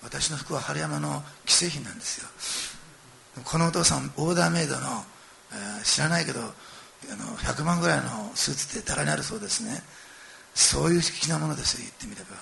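Gravelly, fast-talking animated preacher man. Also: on the high side, a little hiss or hum. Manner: animated storytelling, acting out quoted lines and addressing listeners directly. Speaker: pastor. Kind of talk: sermon.

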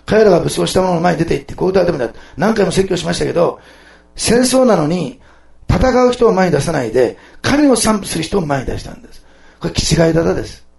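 Raspy pastor guy, kinda high voice, preaching, gets loud then drops soft. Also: expressive, fast. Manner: impassioned preaching, swings from loud exclamations to soft asides. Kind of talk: sermon. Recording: echoey room.

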